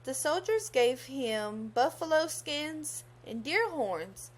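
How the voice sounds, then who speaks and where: A young adult woman with a high, expressive voice reads a children's story aloud. She is teacherly, stopping to ask the young listeners questions.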